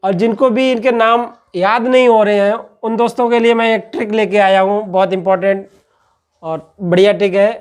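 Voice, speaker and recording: Here a man teaches a class in lecture style, his high voice clean and steady in tone at a normal speed. He poses questions and answers them on his own, checking in with "okay" after each point as he explains patiently and repetitively.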